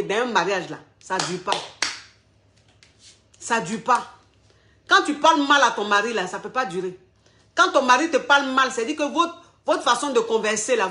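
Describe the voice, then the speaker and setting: A woman's voice: mid-range voice, fairly bright tone. Emphatic woman coach repeating her points. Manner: addresses listeners directly with pointed questions. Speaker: relationship coach. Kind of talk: marriage advice monologue.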